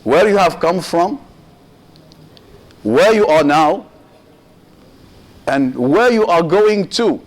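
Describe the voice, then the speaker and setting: Giving a Muharram sermon, this sheikh talks in brief, measured phrases broken by pauses, animated and on the high side. He speaks straight to his audience, asks rhetorical questions, and mixes Arabic religious expressions into his English.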